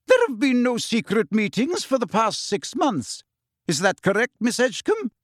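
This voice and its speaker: A man's voice: very high voice, wildly swooping pitch, moderate pace, no room sound, studio quality, voice pushed up, heavily acted. A man voicing a stern, cold older female professor with a harsh, clipped manner.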